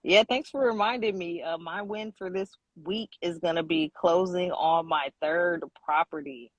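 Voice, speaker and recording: A man's voice: high-pitched, normal speed, no room sound, dull audio. A man co-hosting a casual online show, speaking in an upbeat, easygoing way over a video call. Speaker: co-host.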